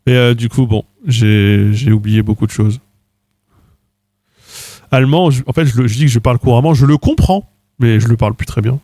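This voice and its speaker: A man's voice: medium pitch, normal speed, pauses often, dark tone, dry recording. A man from France in his thirties chatting casually on a livestream, trying out languages with hesitant fillers. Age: 30s. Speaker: streamer.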